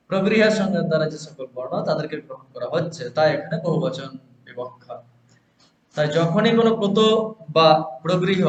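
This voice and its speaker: A man teaching a grammar lesson, who explains step by step and asks and answers his own questions. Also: on the high side. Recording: echoey, dull lo-fi room recording with faint hiss.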